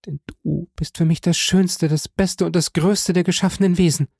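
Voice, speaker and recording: A man's voice: a little high, fairly even intonation, moderate pace, vocal fry, darkish tone, husky, dry recording, clean studio sound, voice pushed up. A man reading aloud voices a devoted young woman who speaks in a tender, pleading, tearful way. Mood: imploring.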